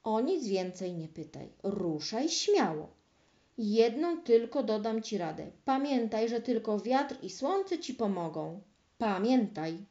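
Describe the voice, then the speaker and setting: A woman voicing a wise old male lynx who gives calm, firm advice in a fairy tale. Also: on the high side, exaggerated voice. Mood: solemn. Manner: measured, giving firm advice. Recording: roomy, dull lo-fi recording.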